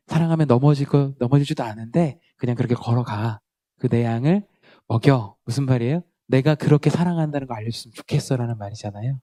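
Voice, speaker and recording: Young male preacher, mellow tone, dry sound; animated storyteller shifting from loud to hushed. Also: mid-range voice, dry recording. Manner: storytelling, acts out dialogue, swings from loud to quiet. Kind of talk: sermon.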